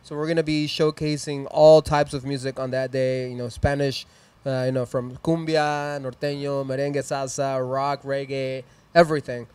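A man in his thirties with a Mexican accent hosts a live music stream from a small, decorated indoor studio, talking into a handheld mic. His voice is medium-pitched, level, a little mellow, clear and resonant, at a moderate pace with few pauses, and the recording is dry. He rambles upbeat through casual chat and shout-outs, plugging sponsors and his socials.

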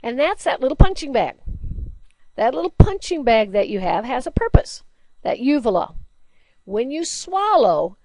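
A slightly mellow-voiced woman teacher gives a recorded slide lecture, captured on a low-quality recording with no echo. She talks in a chatty way, using everyday examples and questions, and notes that her singing voice is low alto.

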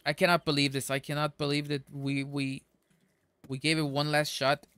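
Bright-voiced excitable male game streamer. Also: a little high, moderate pace, clean tone, no echo. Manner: excitable, swings into sudden outbursts and stammers. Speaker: gaming streamer. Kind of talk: casual gameplay commentary to chat.

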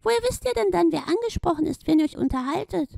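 A woman's voice: extremely high pitch, expressive, quick pace, vocal fry, warm tone, no echo, clean studio sound, voice pushed up, heavily acted. A woman voicing a small, glowing hippo-like creature who gushes with friendly, effusive delight. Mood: gushing. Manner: effusive, gushing welcome.

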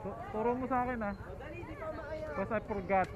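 A man's voice: high-pitched, moderate pace, over a noisy crowd. A young man with a Manila Tagalog accent chats casually and slangily while vlogging, repeating words for emphasis. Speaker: motorcycle vlogger. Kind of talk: casual vlog chat while riding. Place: outdoors, riding a motorcycle through city streets at night. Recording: dull sound, loud street and engine noise. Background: traffic, engines, street noise.

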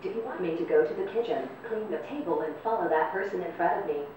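A computer-generated female robot voice announces each step in a flat, formal and evenly paced way. It sits a little low and is heard from a distance in a very echoey room. Steady noise hangs behind it. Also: quick pace. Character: service robot speaking to people. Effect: synthetic text-to-speech robot voice. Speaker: service robot. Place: indoor robot test arena.

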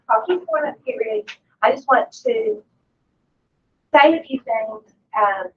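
A woman with a fairly high voice speaks with eager, teasing energy to a board in a conference room. She is heard from across the room on a dull, muffled recording with a faint hiss behind her. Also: sing-song, unhurried, recorded from a distance. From raised in the country. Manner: enthusiastic, teasing. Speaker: board meeting leader. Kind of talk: meeting remarks. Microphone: far room mic.

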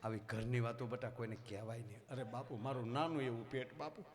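A man's voice: medium pitch, fairly even intonation, brisk, a crowd in the background, natural voice. A man in a folk storytelling show voicing a timid, gossipy servant begging his king. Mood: meek.

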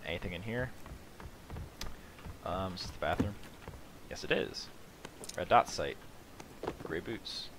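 A man with a lowish voice talks his way through a game in a loose, rambling way. He mocks himself and thinks aloud about what to pick up next. Steady noise sits clearly behind the voice. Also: a little slow, pauses often. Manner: rambling, self-mocking asides. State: sleepy, yawning at the start. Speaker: gaming channel host. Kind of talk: casual let's play commentary.

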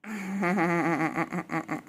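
A woman's voice: lowish voice, fairly even intonation, drawn-out words, a little hiss or hum. A young mother vlogging at home, cooing baby talk to her little child. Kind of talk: casual family vlog.

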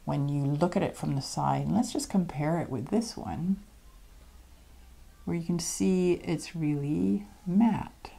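A woman in middle age with a slightly lowish voice talks through a hands-on art demo in relaxed, conversational tones. She often drops into a hushed, near-whispered delivery as she points things out. When she turns back to the viewer, she is chatty and upbeat. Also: a little slow, creaky, husky. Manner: soft-spoken, drops to near whisper while demonstrating. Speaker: pastel artist reviewing art supplies. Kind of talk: casual demo narration.

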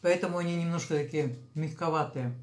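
A woman's voice: low-pitched, brisk, darkish tone, slight background noise. A woman vlogger chatting casually to camera about her food while chewing, in a homely, rambling way. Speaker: mukbang vlogger.

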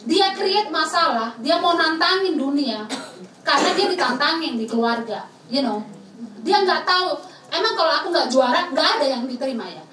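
A woman's voice: high voice, expressive, normal speed, bright, forceful tone, far from the mic. A woman giving a talk to students, acting out dialogues with children, slipping English phrases in and laughing often. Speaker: speaker at a student camp session. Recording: roomy hall, from the mic, faint noise.

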